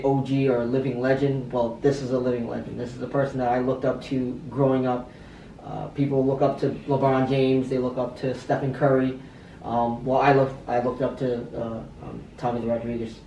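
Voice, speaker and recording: A man, a fighter in training, giving casual interview answers in a halting way, often repeating his words. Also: mid-range voice, mellow, far from the mic. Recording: echoey room, off-mic, faint background noise.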